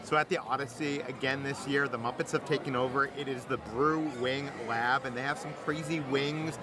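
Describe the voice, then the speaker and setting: A man's voice: mid-range voice, steady tone, normal speed. A man doing an upbeat food review vlog at a theme park and rating dishes playfully. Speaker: food vlogger.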